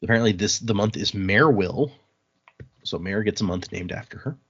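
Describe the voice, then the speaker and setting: A podcast host recaps a novel informally, chatting and reading passages aloud. He has a lowish, fairly bright voice with a breathy edge and a moderate pace, recorded lo-fi with no echo.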